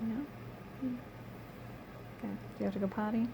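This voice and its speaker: A woman's voice: medium pitch, steady tone, brisk, gravelly, background noise. A middle-aged woman in casual chat, coaxing and reassuring like a caregiver.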